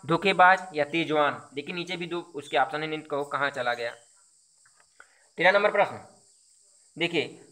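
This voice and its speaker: A man with a high, sharp voice leads an exam quiz lesson in Hindi, taking the questions one at a time and explaining each answer with repetition and rhetorical questions.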